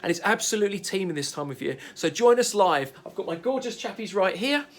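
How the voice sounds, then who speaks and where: A man hosting a wildlife vlog, presenting live in a garden at night with eager, chatty enthusiasm that often sinks to a hushed near-whisper. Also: high voice, lively intonation, fast talker. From United Kingdom. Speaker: wildlife vlogger host.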